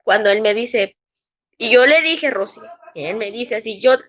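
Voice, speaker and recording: The audio is lo-fi, and the woman speaking has a somewhat high, slightly bright voice. Telling an interviewer about a hurtful workplace experience, she speaks with a Mexican Spanish accent, mimics the voices of people she quotes, and restarts her sentences haltingly as she shares this emotional personal story.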